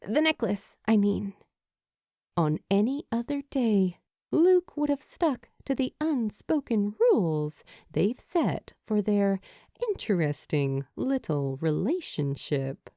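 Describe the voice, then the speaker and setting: A woman narrates a scripted fiction story expressively and without hurrying. Her mellow voice ranges through lively pitch movement. The recording is close and dry, with no room sound.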